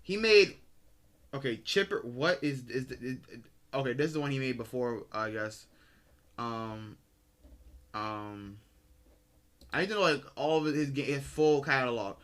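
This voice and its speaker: A man's voice: mid-range voice, unhurried, pauses often, a bit bright. A man casually reacting to a video, rambling, correcting himself and talking to his viewers in slang.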